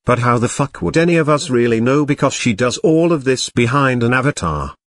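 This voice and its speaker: Deadpan formal male narrator, dry sound. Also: medium pitch, a little fast, no echo. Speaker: commentary host. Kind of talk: scripted commentary narration.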